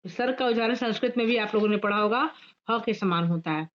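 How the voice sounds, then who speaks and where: A woman teacher giving a grammar lesson to pupils, repeating key points slowly and addressing the class directly. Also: fairly high pitch, muffled recording, slight background noise. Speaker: school teacher.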